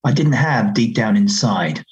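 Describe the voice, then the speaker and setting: A man's voice: lowish voice, expressive, measured pace, husky. A middle-aged man, a radio presenter reminiscing conversationally in an interview. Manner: conversational anecdotes, quoting others' remarks.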